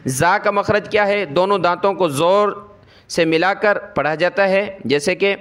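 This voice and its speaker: A man with a Pakistani Urdu accent giving a Quran reading lesson, explaining quickly and then drawing out each letter sound slowly. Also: sits high, a bit bright, clean tone. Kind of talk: spoken lesson, spelling out Arabic letters.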